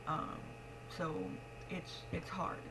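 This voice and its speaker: Lower-pitched young woman missing her front teeth. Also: flat delivery, takes it slowly. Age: young adult. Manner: frank, rambling, matter-of-fact. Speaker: pregnant vlogger. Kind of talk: casual confessional vlog talk. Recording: clearly noisy home recording with hum.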